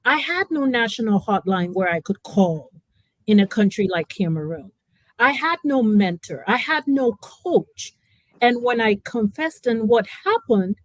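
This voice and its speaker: Woman, higher-pitched voice, emphatic, impassioned panel testimony, rhetorical tag questions, very little room sound. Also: dry recording, poor audio. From born in California, raised in Africa. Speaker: panel speaker.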